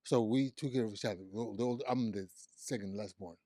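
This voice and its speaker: A Zimbabwean man in his forties, a psychiatric nurse practitioner, recounts his life story as a guest in a relaxed interview, frequently repeating words and starting over. His voice is lowish and mellow, and he talks a little fast. The recording is dry and studio quality.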